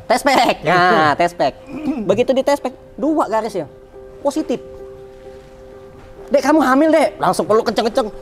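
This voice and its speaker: A young man telling his life story as an interview guest, animated and acting out quoted speech with big jumps in pitch. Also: moderate pace, faint music behind. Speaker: guest, founder of a free restaurant.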